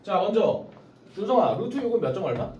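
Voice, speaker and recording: A math tutor working through problems with a small group, calling on students by name and explaining each step. The pitch rises and falls a lot. The voice sounds echoey and set back from the mic, with faint noise behind it. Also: big pitch swings, brisk, warm tone, lo-fi sound. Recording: roomy sound from a distance.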